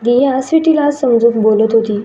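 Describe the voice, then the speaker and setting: A woman's voice: a little high, moderate pace, mellow, soft background music. A woman reading a scripted story aloud, giving each character a lightly shifted voice. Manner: reads dialogue lines in lightly shifted voices. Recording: muffled and echoey room.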